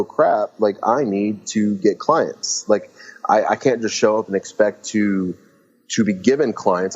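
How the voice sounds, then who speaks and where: A Lebanese-born man raised in California, guesting on a casual podcast interview about the fitness business, speaks in a lowish, slightly mellow voice over dull audio. He talks in quick bursts, restarting often and acting out what trainers are thinking.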